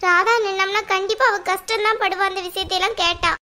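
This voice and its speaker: A woman's voice: very high voice, steady tone, brisk, sharp tone. A woman voicing a kind young sister-in-law who reasons and reassures in a cartoon. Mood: reasoning. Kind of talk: cartoon voice acting.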